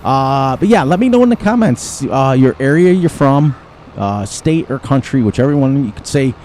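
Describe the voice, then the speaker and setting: Chuckling often, an American gaming channel host rambles casually through commentary on a farming game. His mid-range voice is animated and darkish, delivered at a moderate pace. Some slight background noise comes through.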